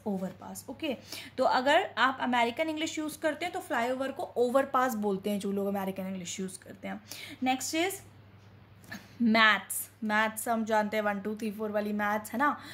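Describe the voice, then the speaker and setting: A woman teaches her viewers, asking a question and then answering it herself, and calls them friends. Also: a little high. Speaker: English teacher. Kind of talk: classroom-style teaching.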